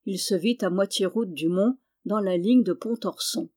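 Woman reading an old novel out loud, steady calm storytelling, middle pitch. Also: normal speed. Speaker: audiobook reader. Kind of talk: scripted narration of a historical novel.

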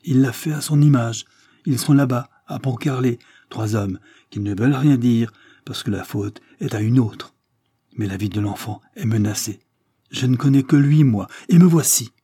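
A man's voice: moderate pace, breathy edge, dry recording, studio quality. A man reading an audiobook, voicing a devoted elderly peasant nursemaid who speaks earnestly and urgently. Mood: pleading. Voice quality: raised pitch, forceful. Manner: earnest and pleading.

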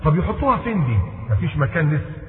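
Egyptian male preacher, rapid high-pitched storytelling, tinny recording with long hall reverb. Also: slight background noise. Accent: Egyptian Arabic. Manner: animated, quotes classical Arabic then explains in colloquial. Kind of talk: religious lecture with storytelling. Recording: echoey hall on a tinny phone-like line.

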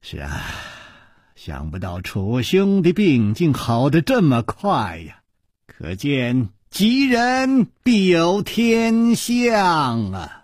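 A man's voice: a little high, huge pitch swings, slow pace, darkish tone, dry recording, studio quality, full character voice. A man voicing an earnest young swordsman who explains eagerly and exclaims often. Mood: relieved. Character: earnest young male swordsman, proud heir.

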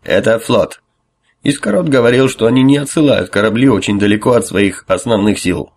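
A man's voice: on the low side, a little fast, a little mellow, slight background noise, natural voice. A man voicing a restrained admiral who speaks with formal, strained courtesy. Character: restrained middle-aged male admiral, tense and polite.

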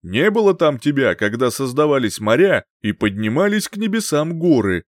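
A man playing a calm, wise old singer-sorcerer who speaks slowly and with quiet scorn. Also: medium pitch, no echo, clean studio sound, pitched above the performer's own voice, natural voice. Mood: angry. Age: older. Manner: slow, measured, scornful.

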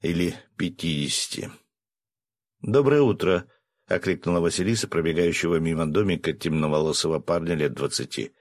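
A man narrating an audiobook in an expressive, animated reading. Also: rumbling low, fairly quick, no echo.

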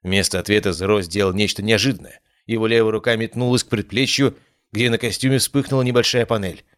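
A man reading a first-person fantasy story aloud in a steady, measured way. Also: lowish voice, no room sound, clean studio sound. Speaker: audiobook narrator.

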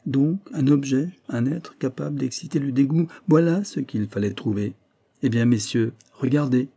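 A man's voice: mid-range voice, moderate pace, vocal fry, warm tone, breathy edge, voice pushed up. A man voicing an emphatic male investigator who lays out the truth of a crime, his voice raised and pressing. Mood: triumphant. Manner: emphatic, probing, raised and tense. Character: sharp, insistent male investigator unveiling a crime.

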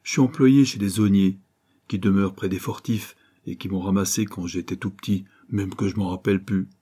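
A man's voice: low-pitched, steady tone, a little fast, dark tone, slightly rough. A man voicing a bold, streetwise street urchin boy with slangy, boastful patter. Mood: cocky.

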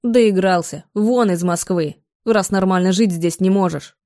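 A woman reading the part of a domineering middle-aged father who scolds and shouts at his grown son. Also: medium pitch, measured pace, dry recording, studio quality, close to an everyday voice. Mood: scolding.

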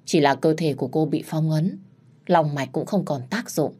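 A woman's voice: sits low, normal speed, mellow, breathy edge. A woman voicing an older female village shaman who gives stern, instructive warnings.

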